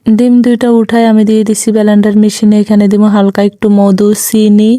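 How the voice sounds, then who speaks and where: A woman with a Chandpur Bengali dialect talks over her cooking footage at a brisk clip. Her tone is mellow and low-key, the pitch stays flat, and the recording is close and dry. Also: no echo. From Bangladesh. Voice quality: chatty, rambling, self-deprecating. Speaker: cooking vlogger. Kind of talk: casual voice-over narration.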